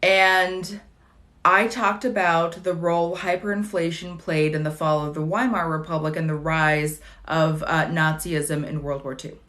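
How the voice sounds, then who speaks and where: Woman, late 30s, livestream host; casual, joking, rambling delivery, lowish pitch. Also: fairly even intonation, a little slow, a bit bright. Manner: chatty, wry and digressive, with dry jokes. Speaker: livestream host answering viewer questions.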